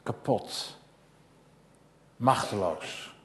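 A man's voice: fairly low pitch, expressive, drawn-out words. A man preaching a sermon, asking rhetorical questions and repeating phrases with growing insistence. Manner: rhetorical questions and insistent repetition, swelling to loud emphatic passages.

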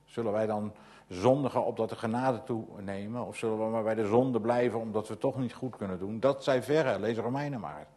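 A man's voice: on the low side, brisk. A man preaching a sermon, asking rhetorical questions and repeating phrases with growing insistence. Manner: rhetorical questions and insistent repetition, swelling to loud emphatic passages.

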